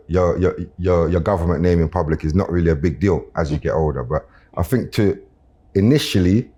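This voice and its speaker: South london roadman guy, rapper chatting on a podcast, low mellow voice, loads of slang. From Brixton, South London. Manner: street slang with frequent tags like "innit" and "you know what I'm saying". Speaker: guest rapper. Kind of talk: casual podcast conversation.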